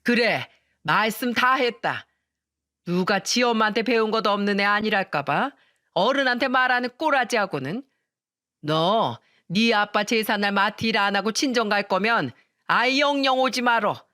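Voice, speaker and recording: A woman's voice: mid-range voice, lively intonation, moderate pace, pushed and bright, no echo, studio quality. A woman voicing a harsh, insulting older mother-in-law who scolds her daughter-in-law. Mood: scolding. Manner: contemptuous, insulting, bossy.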